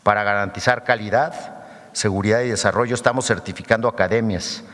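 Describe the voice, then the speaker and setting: Low-voiced man in an echoing hall. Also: fairly even intonation, fairly quick, fairly bright tone. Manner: reads figures steadily and calls for the next slide. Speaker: government official presenting at a press conference. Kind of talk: formal prepared presentation. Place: government press conference hall. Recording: long reverb of a large hall.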